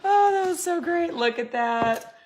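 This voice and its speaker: A woman hosting a casual home cooking video, excited and gushing, with frequent laughs. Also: very high voice, unhurried, a little hiss or hum. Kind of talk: casual cooking vlog chat.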